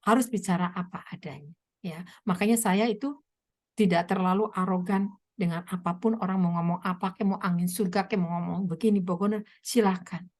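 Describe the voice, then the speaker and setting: A woman evangelist preaching a sermon with a hoarse voice, telling stories and asking the listeners many rhetorical questions. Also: fairly low pitch, brisk. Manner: animated storytelling, frequent rhetorical questions. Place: online meeting.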